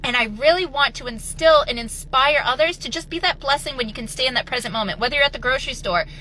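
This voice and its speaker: A woman, a mother, telling a personal story as an inspirational talk, earnest and animated, acting out the voices she quotes. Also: high-pitched, fast talker, a little hiss or hum, poor audio. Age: adult with children. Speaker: motivational speaker.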